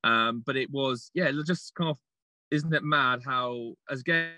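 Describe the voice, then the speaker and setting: A man who trains racehorses, answering as a guest in a halting way and often starting with "look". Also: medium pitch, pushed and bright, dry recording. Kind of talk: casual interview answers.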